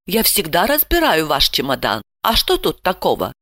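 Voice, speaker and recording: A woman's voice: fairly low pitch, huge pitch swings, normal speed, fairly bright tone, dry recording, studio quality, full character voice. A woman voicing a timid, bewildered maid who mumbles hesitantly.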